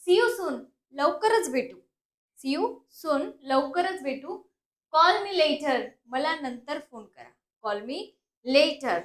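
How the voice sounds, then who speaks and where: High-voiced woman teaching spoken English. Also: animated, fairly bright tone, reverberant. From India. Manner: slow, drawn-out English model sentences, then quick explanations. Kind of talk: bilingual language lesson.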